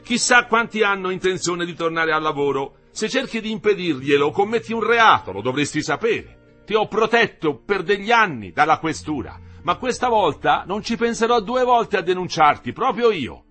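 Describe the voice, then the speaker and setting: A man's voice: fairly high pitch, lively intonation, normal speed, few pauses, faint music behind, voice pushed up. A man doing an angry, brusque engineer boss. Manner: sharp, threatening, raised voice. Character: furious, brusque male engineer, the workers' boss.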